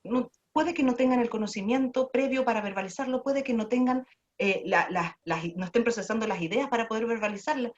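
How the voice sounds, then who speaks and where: A woman with a fairly high voice gives an online lecture on early childhood learning at a fairly quick pace. She frequently poses rhetorical questions and restarts her sentences while explaining. The audio is dull and lo-fi, like a typical video call.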